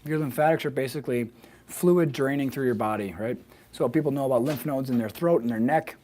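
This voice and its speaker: Slightly hoarse, fast-talking man explaining health. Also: medium pitch, mellow. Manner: fluent, explanatory, often checks with "right?" and "okay?". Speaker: health practitioner hosting a weekly wellness video. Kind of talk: informal explainer to camera, live stream.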